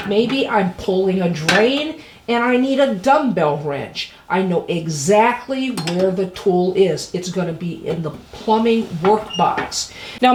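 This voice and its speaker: A woman with a mid-pitched voice presents a casual how-to vlog. She is direct and emphatic, often checking in with the viewer as she explains. Some noise and clatter sit behind her voice. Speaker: host of a DIY tool tips show. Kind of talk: casual instructional vlog to camera.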